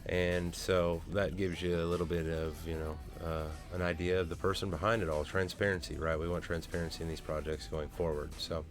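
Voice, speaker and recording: Speaking briskly with few pauses, this man has a deep voice and a level tone. He's a crypto vlogger casually going over a crypto project on a screen share, rambling and filling gaps with lots of ums and uhs.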